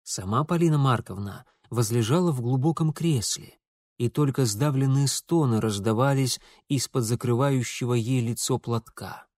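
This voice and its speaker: A man narrating a fantasy audiobook in a steady, expressive storytelling manner on a close mic. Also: mid-range voice, normal speed, no room sound.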